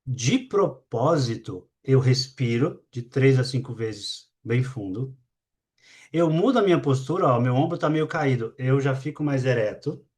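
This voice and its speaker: Lively Brazilian man leading a webinar. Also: mid-range voice, a little slow. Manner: lively and demonstrative, shifts energy on purpose. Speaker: speaker leading a live online class. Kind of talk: live webinar talk to an audience.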